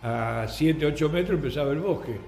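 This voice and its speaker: Older Argentine man telling a lively story. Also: on the high side, a little fast, vocal fry. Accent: Argentine Spanish. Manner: lively raconteur, acts out the voices in his stories. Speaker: radio guest. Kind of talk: anecdotal storytelling on radio. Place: radio studio. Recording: roomy radio studio with faint music.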